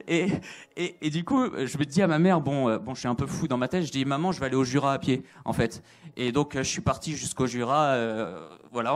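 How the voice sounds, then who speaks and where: A man giving an earnest religious testimony, repeating phrases and hesitating with fillers. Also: mid-range voice. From Italian. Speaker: testimony speaker.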